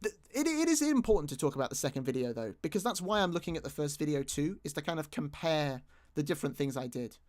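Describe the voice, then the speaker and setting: A British YouTube creator rewatches his own video and talks over it in a casual, rambling way, restarting sentences often and making fun of himself. His voice is on the high side and a little mellow, with big swings in pitch and a fast delivery.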